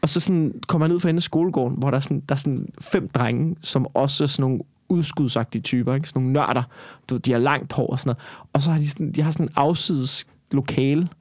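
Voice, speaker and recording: A man's voice: medium pitch, few pauses, darkish tone, no room sound, clean studio sound. A young man in casual conversation, telling a long personal story in a rambling way, with many restarts and some swearing.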